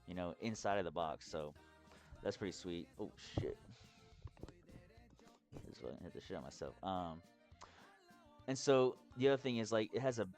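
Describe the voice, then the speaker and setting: A man from Texas giving a casual, rambling explainer vlog as a hobbyist, sounding drunk, halting and swearing freely. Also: on the low side. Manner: tipsy, rambling drunk talk with halting phrases and heavy swearing. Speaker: hobbyist presenter.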